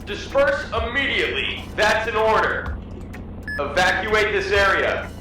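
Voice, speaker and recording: A man voicing a stern police officer whose barked commands play from a police car loudspeaker. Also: high-pitched, very animated, measured pace. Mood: commanding. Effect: police car loudspeaker announcement. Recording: echoey, noisy game loudspeaker audio.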